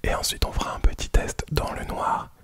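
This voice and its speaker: A man whispers softly and quietly, as if at night, presenting a product in an informal, hesitant ASMR unboxing style. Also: normal speed.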